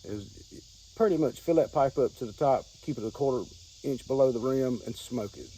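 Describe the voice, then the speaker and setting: A man with a mellow, relaxed voice and a Southern American accent chats in an unscripted vlog style. He is folksy and rambles, often repeating his phrases. He is recorded outdoors, with crickets and insects clearly audible behind him. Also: medium pitch, normal speed, a little hiss or hum, rough recording. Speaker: pipe-smoking hobbyist video host. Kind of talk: casual unscripted vlog talk.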